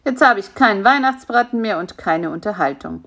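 A woman's voice: mid-range voice, very animated, a little fast, fairly bright tone, dull audio. A woman voicing a grumpy, easily scared male spider in a children's story, grumbling and complaining. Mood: fretful.

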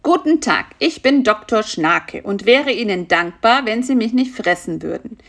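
A brisk, politely fussy male mosquito dentist, as a woman reading a storybook puts him on. He talks in a practical, reassuring way, with a slightly gravelly tone. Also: fairly high pitch, lively intonation, fairly bright tone.

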